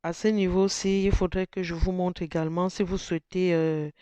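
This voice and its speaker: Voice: medium pitch, level tone, moderate pace, mellow, smooth, no echo. A presenter talking through a phone tutorial step by step, thinking aloud with many restarts and sounding out vowel tones.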